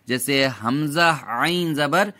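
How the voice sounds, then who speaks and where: A man's voice: a little high, bright, forceful tone. Patient man teaching recitation sounds. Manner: patient, drawn-out demonstration of sounds. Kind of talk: tajweed lesson with repeat-after-me drills.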